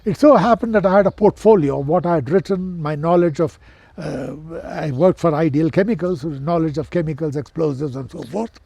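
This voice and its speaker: A man of ninety with a posh Indian accent, reminiscing as an interview guest in an educated, measured way with hesitant pauses. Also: a little high, creaky, mellow, no echo. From central India. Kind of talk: reminiscing in conversation.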